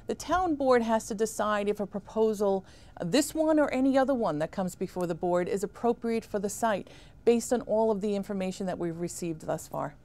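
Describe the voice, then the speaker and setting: Seated on a compact studio set with armchairs, the same fifty-something town supervisor responds to questions with a mid-range, expressive, dark-toned voice. Her lapel mic catches a deliberate, emphatic delivery.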